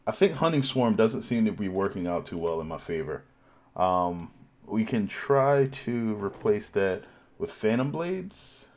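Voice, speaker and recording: Low-voiced man commenting on gameplay. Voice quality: relaxed, thinking aloud with fillers. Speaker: gameplay streamer. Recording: voice over game audio and music. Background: game music.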